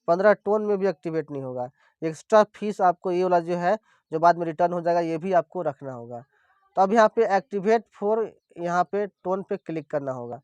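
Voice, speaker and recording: High-voiced man walking through an app. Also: darkish tone, smooth, no room sound. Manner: explains step by step, repeats "here" constantly. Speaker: crypto tutorial presenter. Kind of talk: screen-recorded app walkthrough. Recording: dull lo-fi dry voice-over.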